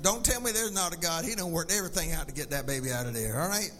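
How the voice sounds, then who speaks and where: A man's voice: a little high, quick pace, fairly bright tone. Southern guy preaching, folksy call and response stuff, big echoey hall, faint music behind him. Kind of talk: animated Christmas sermon to a congregation.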